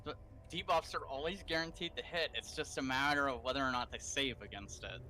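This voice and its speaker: Young man, mid pitch, bright voice, casual gaming chat, explains mechanics, curses a lot. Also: a little fast, slight background noise. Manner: explains mechanics, swears freely. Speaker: co-op gamer.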